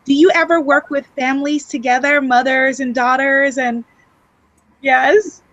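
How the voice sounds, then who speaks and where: A woman's voice: high voice, steady tone, measured pace, fairly bright tone, dull audio. A woman hosting an online interview, upbeat and affirming as she relays questions. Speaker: interview host.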